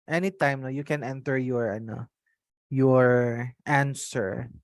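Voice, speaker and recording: A Filipino online trainer with a mid-pitched voice teaches in a mix of Tagalog and English. The native Tagalog speaker switches language mid-sentence and keeps adding little check-in tags. The sound is close and dry, with very little room. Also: slow, no room sound. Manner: frequent tag questions checking on listeners. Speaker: trainer leading an online customer service course. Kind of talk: interactive online lesson.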